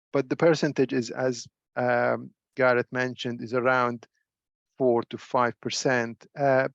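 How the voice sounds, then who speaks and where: A middle-aged man giving a webinar lecture as a neuro-ophthalmologist, measured and full of fillers and repeated words. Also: mid-range voice, vocal fry, no echo, muffled recording. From Syria. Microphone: video call.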